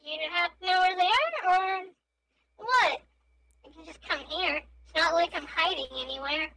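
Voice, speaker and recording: High, gravelly-voiced woman player. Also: pushed and bright, a little hiss or hum, rough recording. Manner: playful, chiming in with quick jokes. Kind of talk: casual tabletop game chat. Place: home streaming setup.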